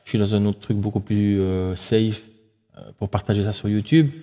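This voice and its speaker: A man's voice: fairly low pitch, little pitch movement, normal speed, warm tone. A man hosting a tech tutorial, talking casually through each step on screen, thinking aloud with fillers and self-corrections.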